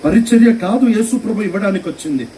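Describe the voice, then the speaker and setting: Guy preaching a sermon, kinda high mellow voice, off mic w faint ac hum. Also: fast, far from the mic, poor audio. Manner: animated storytelling with rhetorical questions. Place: meeting hall.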